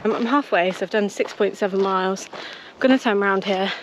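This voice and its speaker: With outdoor noise all around, a British running vlogger talks casually to camera on the trails in a brisk, mid-range voice.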